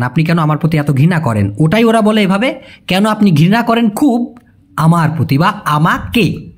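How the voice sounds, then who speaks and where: A language teacher, speaking in a colloquial way and repeating example phrases slowly. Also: mid-range voice. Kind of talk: language lesson.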